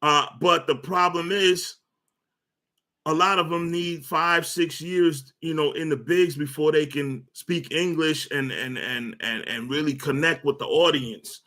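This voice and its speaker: The sports commentary host's voice is on the high side, pushed and bright, with a steady tone and measured pace. He rants loosely and bluntly, tripping over words, repeating himself and padding with "uh" and "you know" on the way to his point.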